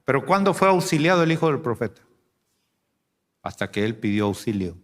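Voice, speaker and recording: A man preaching a sermon to a congregation, asking rhetorical questions and swinging between loud and hushed delivery. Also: mid-range voice, very animated, a little fast. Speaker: pastor.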